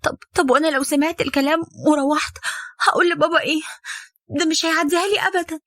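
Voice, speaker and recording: A woman's voice: high voice, steady tone, rapid-fire, fairly bright tone, dry recording, clean studio sound, pitched above the performer's own voice. A woman voicing a frightened, tearful young wife pleading with her elders, in Egyptian Arabic.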